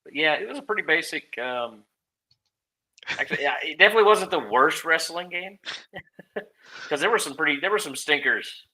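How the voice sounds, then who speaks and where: Bright-voiced halting man. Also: fairly high pitch, animated, a little hiss or hum, rough recording. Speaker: podcast co-host. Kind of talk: casual chat.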